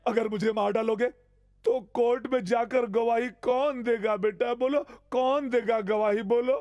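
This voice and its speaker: A man's voice: extremely high pitch, fairly even intonation, unhurried, darkish tone, dry recording, dull audio. An actor dubbing a scheming villainous father in a film, who scolds his son and later begs for his life. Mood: begging. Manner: scheming and scolding, then begging frantically. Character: scheming father villain, cowardly when beaten. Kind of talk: Hindi film dub. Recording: movie soundtrack music behind voice.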